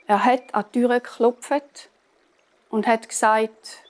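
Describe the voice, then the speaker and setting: Woman, Swiss German accent, fairy tale reader, slow, high voice. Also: little pitch movement. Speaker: storyteller.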